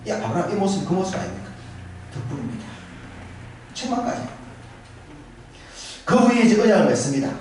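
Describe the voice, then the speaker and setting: Lively male pastor in an echoey hall. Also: high-pitched, fairly quick, long pauses, background noise. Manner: animated, acts out voices of biblical figures and asks the congregation questions. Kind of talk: Sunday sermon. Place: church sanctuary. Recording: echoey church hall, voice from a distance.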